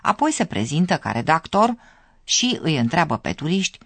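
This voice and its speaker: A radio lesson host reading scripted narration clearly, explaining and addressing listeners directly. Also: mid-range voice, sing-song, fairly bright tone, no echo.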